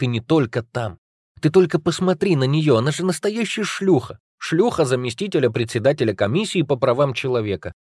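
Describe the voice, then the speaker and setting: A male narrator reading a first-person novel aloud in a wry, agitated, confessional tone. His voice sits at an ordinary middle pitch, recorded very dry and close. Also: darkish tone, dry recording. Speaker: audiobook narrator.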